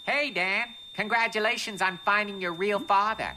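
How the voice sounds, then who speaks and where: A woman's voice: mid-range voice, normal speed, bright, forceful tone, slight background noise, close to an everyday voice. A woman voicing a snarky female comfort-doll puppet in a comedy series, gleeful and gossipy. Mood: snide. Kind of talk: sitcom puppet acting.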